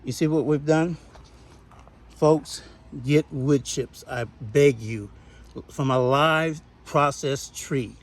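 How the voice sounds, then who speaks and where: A man's voice: fairly high pitch, takes it slowly. A man giving a folksy, chatty tour of his backyard garden, laughing now and then. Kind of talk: casual garden walkthrough.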